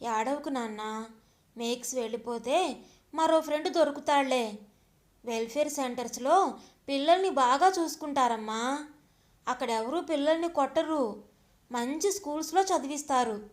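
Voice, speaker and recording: A caring grandmother comforting a child, her high voice soft and coaxing, as a woman storyteller puts her on. The tone stays gentle and reassuring, like a storybook read aloud. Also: normal speed, pauses often, lightly acted. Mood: soothing. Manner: soothing, coaxing. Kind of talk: audio story reading.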